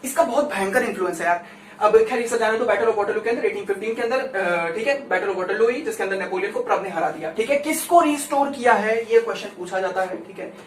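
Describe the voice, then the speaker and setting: A man's voice: high voice, fairly quick. Chatty male teacher, roomy distant sound. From India. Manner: chatty, keeps checking in with listeners. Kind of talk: conversational classroom lecture. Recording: roomy echo, distant mic, faint noise.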